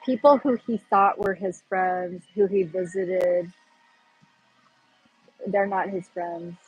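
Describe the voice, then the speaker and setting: A woman with a lowish, breathy voice speaks slowly and fairly evenly over a rough recording. She's a livestream host from the Pacific Northwest with that region's American accent, chatting casually and rambling as she hunts for words.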